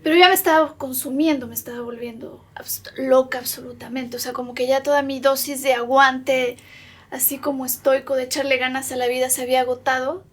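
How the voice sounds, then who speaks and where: A woman with a Mexican accent speaks in a high, light voice in a documentary interview. She stumbles and repeats words as she works through long lists. She is recorded in a doctor's consulting room. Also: steady tone, fairly quick, a bit bright. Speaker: patient interviewee.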